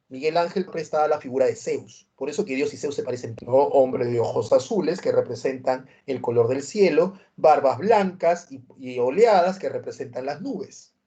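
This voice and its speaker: A man's voice: medium pitch, mellow, highs cut off. A man from Peru teaching history in a university prep lecture. He tells stories with animation and keeps checking in with tag questions.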